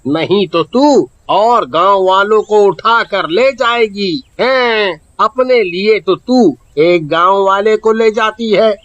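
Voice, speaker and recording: A man's voice: high voice, slow pace, fairly bright tone, dull audio. A man playing a frightened village man in a cartoon story, anxious and gossipy. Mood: angry.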